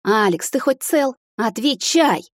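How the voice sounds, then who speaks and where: A woman voicing a spirited, quick-tempered young woman in love, who speaks in an emotional, sharp way. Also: medium pitch, very animated, breathy edge, dry recording, clean studio sound.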